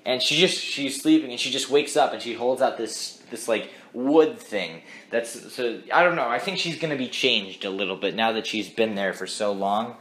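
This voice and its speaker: A man's voice: medium pitch, normal speed, few pauses, fairly bright tone. A young man hosting a casual TV episode review, rambling with many restarts and fillers. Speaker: host of a TV review channel.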